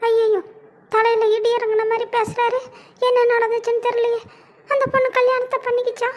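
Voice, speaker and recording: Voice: very high-pitched, completely flat delivery, a little fast. A performer voicing an anxious younger man who pleads with and consoles his elder brother in a cartoon drama. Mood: worried. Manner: pleading, fretful, repeating calls of brother.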